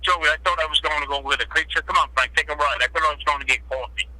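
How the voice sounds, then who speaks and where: A man's voice: fairly high pitch, racing, sharp tone, no room sound, rough recording. A man telling blunt, streetwise stories as a guest in an interview, swearing freely. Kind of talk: storytelling in an interview.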